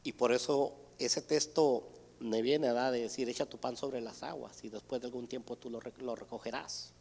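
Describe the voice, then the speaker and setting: A man's voice: mid-range voice, fairly even intonation, normal speed, creaky, a little mellow. A man giving an earnest church testimony, retelling conversations with his mother and others. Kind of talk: sermon testimony. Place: church hall. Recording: church hall reverb.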